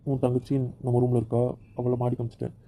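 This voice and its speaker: Man rattling off lines quick in a home audio drama, husky, sounds like a phone line. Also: medium pitch, completely flat delivery. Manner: pleading, soft-spoken apologies. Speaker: audio drama narrator and lead voice. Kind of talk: amateur romantic audio drama.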